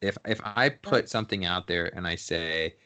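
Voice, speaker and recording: A man's voice: deep voice, moderate pace, pushed and bright, smooth. A man being interviewed as a photographer, talking in a laid-back, slangy way and laughing often. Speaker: photographer guest. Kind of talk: casual interview chat.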